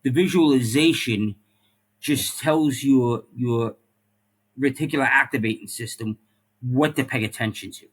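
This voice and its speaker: A man in middle age, formerly a cop and a firefighter, appears as a guest on a podcast for a casual interview conversation and talks in an earnest manner, full of repeated words, "like," and "right?". He speaks unhurriedly at medium pitch with a slightly rough voice.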